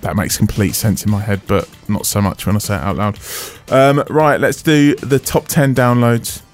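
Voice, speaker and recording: A man's voice: lowish voice, fairly even intonation, moderate pace, soft background music. A man hosting a radio show, chatting casually and making jokes at his own expense. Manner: jokey, self-mocking.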